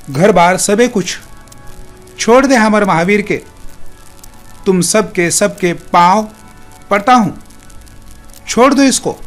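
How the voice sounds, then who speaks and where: A man's voice: high voice, a bit bright. A man voicing a frantic grief-crazed old father. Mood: pleading. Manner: frantic cries and begging in rustic dialect.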